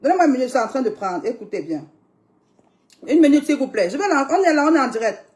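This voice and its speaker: Speaking fast in a high, sing-song voice with a slightly mellow tone, a young woman reacts to a live stream. Her commentary is emphatic and exclamatory as she presses viewers to watch, often calling on God.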